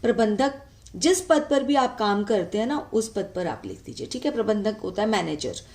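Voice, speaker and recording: A woman's voice: mid-range voice, animated, moderate pace, darkish tone. A woman teacher patiently explaining a letter format step by step, often checking in with the listener. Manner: patient, frequent "ठीक है" check-ins.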